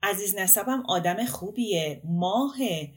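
A woman reading a story aloud, voicing a smooth-talking middle-aged male writer who makes ceremonious introductions and coaxes his friends. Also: medium pitch, animated, voice pushed up, natural voice. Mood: soothing. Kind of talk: audiobook character reading.

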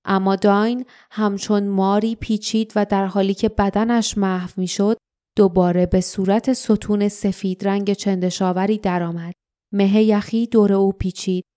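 A woman's voice: medium pitch, flat delivery, warm tone, dry recording, studio quality. Woman narrating a fantasy audiobook.

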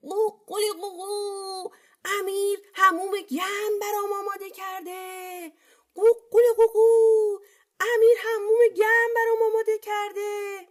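Woman doing a shrill crowing rooster. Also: little pitch movement. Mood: crowing boast. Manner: shrill crowing, drawn-out calls. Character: boastful defiant rooster, male, never admits defeat.

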